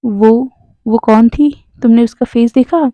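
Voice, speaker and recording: A short-tempered young man who scolds and snaps, played by a woman narrator. The voice sits high, and the recording is dry and dull. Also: steady tone, unhurried, no room sound, natural voice. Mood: impatient.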